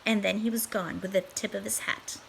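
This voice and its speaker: A woman reading a children's storybook aloud in a theatrical, emphatic, expressive way. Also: mid-range voice, fairly quick, vocal fry, slight background noise, rough recording. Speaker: storybook reader.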